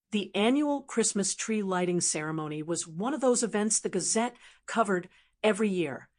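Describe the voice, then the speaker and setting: A woman reading a first-person story aloud in a wry, cynical tone. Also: medium pitch. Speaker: narrator. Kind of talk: first-person audiobook narration.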